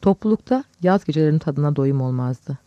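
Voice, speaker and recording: A man calmly reading literary prose aloud as an audiobook narrator, in a measured way. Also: fairly high pitch, dry recording. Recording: dull lo-fi dry recording.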